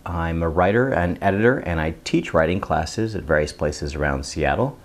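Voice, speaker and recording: A man in his late thirties introduces himself in a measured, clear way for a documentary interview. His voice sits low. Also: animated. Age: 30s.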